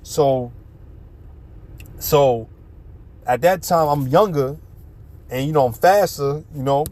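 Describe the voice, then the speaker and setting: Animated New York man telling a street story. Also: on the high side, takes it slowly. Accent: New York City. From New York City. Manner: animated, street slang, profane. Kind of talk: casual storytelling monologue.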